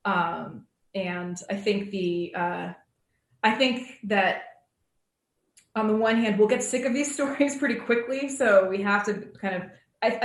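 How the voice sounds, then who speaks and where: A woman with a gravelly, mid-range voice moderates a casual panel discussion on a video call, thinking aloud hesitantly. She's in an echoey room, and the call audio sounds roomy and echoey.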